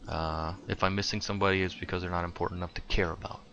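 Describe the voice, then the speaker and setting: A low-voiced man rants casually and sarcastically about his picks, padding his talk with fillers. His deep tone cuts through with a bright, forceful edge. A faint hiss of noise sits behind him. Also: steady tone, very fast, dull audio. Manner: sarcastic, rambling, lots of fillers. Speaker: podcast host. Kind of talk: casual opinion rant.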